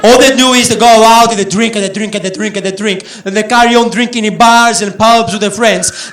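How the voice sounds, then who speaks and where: A man's voice: very high-pitched, fairly bright tone. Greek man doing brash stand-up. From Greece. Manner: brash, sweary, conversational with the crowd. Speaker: stand-up comedian. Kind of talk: stand-up comedy set. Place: comedy club stage. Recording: roomy club with audience laughter.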